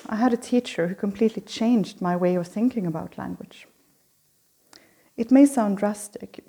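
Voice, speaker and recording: A middle-aged woman from Sweden giving a prepared opening lecture as host of a lecture series, in a measured, reflective reading. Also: medium pitch, vocal fry, dark tone.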